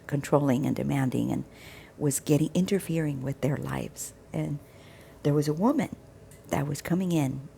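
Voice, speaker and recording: A woman's voice: sits low, animated, normal speed, vocal fry, mellow, a little hiss or hum. A woman casually telling a personal faith story, chatty and sometimes dropping to a whisper. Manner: chatty, acts out quoted dialogue with restarts. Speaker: vlogger sharing a faith testimony.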